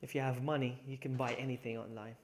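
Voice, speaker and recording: Speaking fast in a level, medium-pitched tone, a young man streams a video game amid background noise and game music. His casual commentary is chatty and laugh-filled; he replies to chat and quietly mutters to himself while playing.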